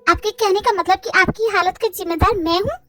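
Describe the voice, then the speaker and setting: A woman's voice: very high voice, a little fast, music in the background. A woman voicing a heartbroken young woman who resents a forced marriage. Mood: defiant. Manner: bitter, resentful.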